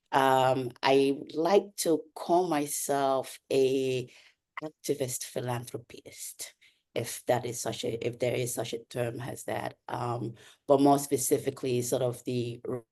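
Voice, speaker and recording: Panel guest, a woman with a very deep voice, speaking over a video call and explaining earnestly. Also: mellow. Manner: earnest, with frequent um and uh fillers. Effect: heard over a video call. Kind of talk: webinar self-introduction. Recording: remote call audio.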